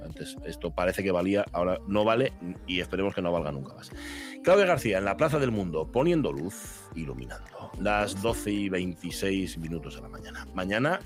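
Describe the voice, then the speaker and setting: A man hosting a radio show, chatting in a relaxed way and pausing on fillers as he reads listener messages. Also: low voice, over music. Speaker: radio host. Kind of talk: casual radio chat. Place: radio studio.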